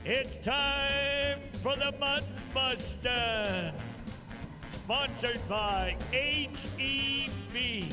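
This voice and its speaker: Very high-pitched folksy male rodeo announcer. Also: very slow. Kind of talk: live rodeo commentary. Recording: music behind live announcing.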